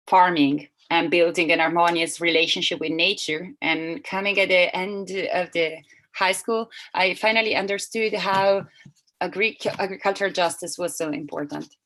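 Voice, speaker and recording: A woman with a slightly low voice interprets a seminar talk as it happens. She speaks in a halting way, often breaking off and correcting herself as she searches for the next words. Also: fairly bright tone, rough recording. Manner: halting, with frequent restarts and self-corrections. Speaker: simultaneous interpreter.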